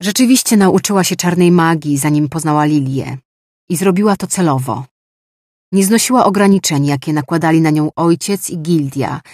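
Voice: mid-range voice, normal speed, a little mellow, no room sound, studio quality, natural voice. A narrator voicing a grave male magician reporting what he found, in an audiobook. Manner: serious, reporting. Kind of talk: audiobook dialogue.

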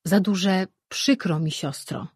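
A woman voicing a confident, decisive male sorcerer in an audiobook, reading in a husky voice. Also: lowish voice, slow pace, darkish tone, no room sound, clean studio sound. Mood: steady. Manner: firm, decisive.

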